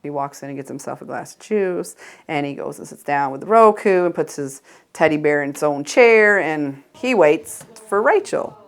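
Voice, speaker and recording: A woman interviewed for a news feature, speaking in a tender, deliberate way. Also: low voice, animated.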